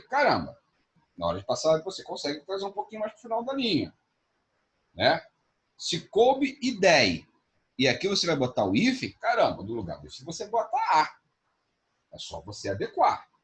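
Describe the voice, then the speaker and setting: A man with a Brazilian Portuguese accent, teaching a class and explaining each point with frequent tag questions. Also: on the high side. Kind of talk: online class lecture.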